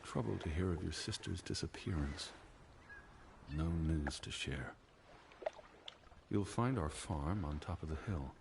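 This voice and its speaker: A man playing an anxious, bookish, old-fashioned gentleman in a mystery video game, speaking formally and earnestly. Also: very deep voice, a little slow, gravelly, pauses often, noisy background, exaggerated voice. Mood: formal, pensive.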